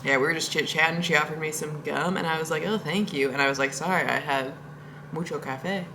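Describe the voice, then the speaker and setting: Chatty woman with a bright voice. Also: sits low, fairly even intonation, quick pace, a little hiss or hum. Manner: chatty, rambling, laughs often. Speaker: vlogger. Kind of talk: casual storytelling vlog. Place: at home.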